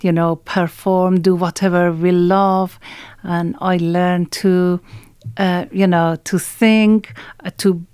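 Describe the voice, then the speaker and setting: A woman from Iran with an Iranian accent, talking in a halting, hesitant way as a guest in a radio studio interview. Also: lowish voice, level tone, darkish tone, clean tone, dry recording. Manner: halting and hesitant, many pauses and fillers. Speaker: guest singer.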